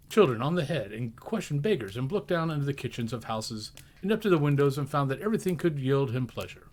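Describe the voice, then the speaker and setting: A man with a medium-pitched voice narrates a classic story aloud in an expressive, storybook manner.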